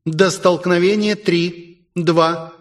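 A man voicing a cool female station computer in an audiobook, making flat, clipped announcements. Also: high voice, slow pace, recorded from a distance, pitched above the performer's own voice. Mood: alarm.

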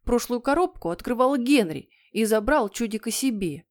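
A woman's voice: a little high, lively intonation, normal speed, pitched above the performer's own voice, natural voice. A woman voicing an obedient, whiny little boy who squeals and nearly cries, in an audiobook reading. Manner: whining, squealing. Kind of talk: audiobook character voice.

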